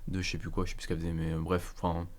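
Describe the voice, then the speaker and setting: Fast-talking man, rambling chat. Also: low-pitched, monotone. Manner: rambling, full of fillers and restarts. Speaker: podcast co-host. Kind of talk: casual podcast chat. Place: podcast studio.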